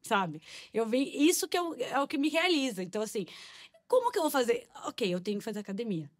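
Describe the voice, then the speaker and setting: A woman's voice: fairly high pitch, big pitch swings, brisk. Upbeat woman interview guest. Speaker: marketing manager guest. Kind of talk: casual interview chat.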